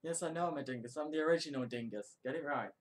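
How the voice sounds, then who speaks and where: A man joining a casual vlog chat, teasing and deadpan in a low-key way. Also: fast talker. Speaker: co-host.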